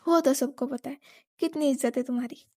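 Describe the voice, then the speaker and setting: A woman's voice: high voice, a little fast, dark tone, no echo, studio quality. A woman voicing a bossy elder sister who scolds her younger sister in jest. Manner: scolding, mock-stern. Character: bossy elder sister, sharp-tongued hostess.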